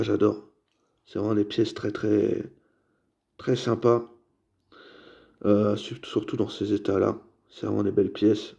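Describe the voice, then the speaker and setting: Low, gravelly and warm, a man's voice chats casually as he shows viewers the toy cars he found at a flea market. He's full of fillers and keeps calling his audience "les gars" in this relaxed show-and-tell vlog.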